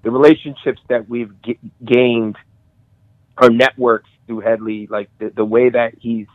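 A middle-aged man sharing memories of a friend on a call, halting with many restarts and emotional. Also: medium pitch, little pitch movement, dry recording. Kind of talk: casual conversation. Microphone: call audio. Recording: tinny phone-like call audio.

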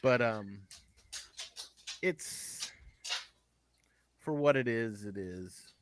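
A man's voice: mid-range voice, drawn-out words, fairly bright tone. A man co-hosting a casual talk show, laid-back and rambling as he tells a story. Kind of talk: casual chat.

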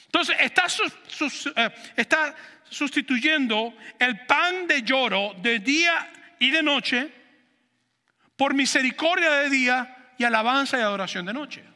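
A male pastor, preaching a sermon and swinging between loud passages and hushed ones. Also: very high voice, expressive, measured pace. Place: church sanctuary. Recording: echoey church hall.

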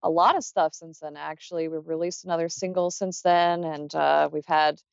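A woman's voice: deep voice, steady tone, normal speed, creaky, clear, resonant tone, dry recording. A woman, a band vocalist, chatting casually as an interview guest on a dull, lo-fi recording. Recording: dull, lo-fi, dry sound.

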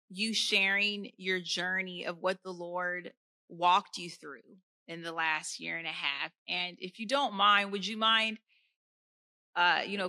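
A woman hosting a faith podcast, encouraging her listeners and gently asking her guest questions. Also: lowish voice, no echo. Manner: warm encouraging, addresses listeners as friends. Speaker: podcast host.

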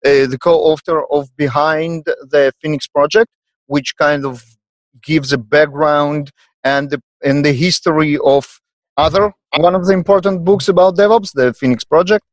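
Higher-pitched man with a Russian accent. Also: steady tone, a little slow, no echo, low-quality recording. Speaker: podcast host. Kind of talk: unscripted panel podcast introduction.

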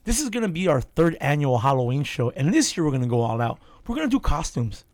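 Male podcast host, casual profane frat-bro type, slightly high voice with vocal fry. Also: big pitch swings, quick pace, darkish tone, no room sound. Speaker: podcast host, comedy show promoter.

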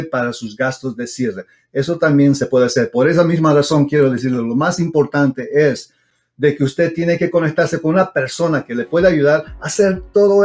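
Higher-voiced man giving earnest Spanish-learner-like advice, haltingly. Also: a little mellow. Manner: earnest, admonishing, repeats points; halting, non-fluent Spanish phrasing with English loanwords. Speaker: real estate agent hosting an advice show. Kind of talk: direct-to-audience advice talk.

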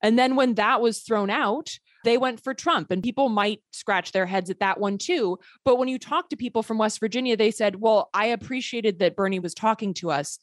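A woman's voice: a little high, moderate pace, few pauses, no room sound, clean studio sound. A woman partly raised in Sweden, speaking as an interview guest in a passionate, sarcastic way. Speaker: guest, filmmaker. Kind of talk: political interview.

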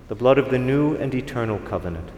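Priest praying in a cathedral-like echo. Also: male voice, mid-range voice, lively intonation, a little mellow. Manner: measured, formal phrasing. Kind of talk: solemn liturgical prayer recitation. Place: large reverberant church during Mass. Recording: echoey cathedral-like reverb, faint background noise.

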